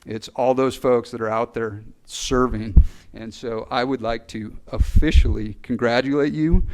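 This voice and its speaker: A man speaking at a fire recruit graduation ceremony, earnest and a little halting, with fillers. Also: medium pitch, steady tone, rough recording. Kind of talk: ceremony speech. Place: ceremony hall. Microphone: podium mic.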